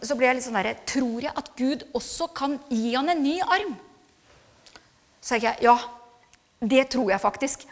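A middle-aged woman giving an earnest, reflective personal testimony in a sermon, hesitating with fillers, then building to emphatic passages. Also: sits high. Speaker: speaker giving a church testimony. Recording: long hall reverb.

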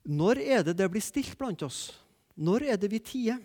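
A man preaching a sermon, emphatic, repeating key phrases and swinging between loud declarations and quiet asides. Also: high-pitched, animated. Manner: emphatic, repeats key phrases, rises and drops sharply in loudness.

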